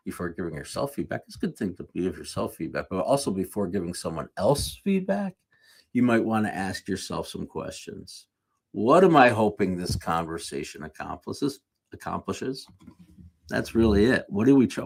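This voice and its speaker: Husky low-voiced man preaching. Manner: off-the-cuff, corrects himself mid-sentence. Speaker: speaker at a live church series. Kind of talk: conversational sermon with jokey asides.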